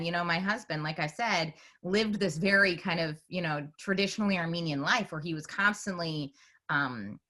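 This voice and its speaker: On a video call, a woman in her forties, a documentary filmmaker from Northern California, meanders through her story as a conversational panel answer, saying "you know" often. Her voice is on the low side with a sharp tone.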